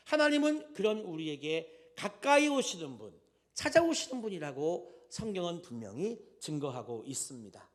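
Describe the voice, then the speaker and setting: A man preaching a Sunday sermon as pastor, swinging between loud and soft and often addressing the congregation directly. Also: high voice. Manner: tells stories with addresses to the congregation.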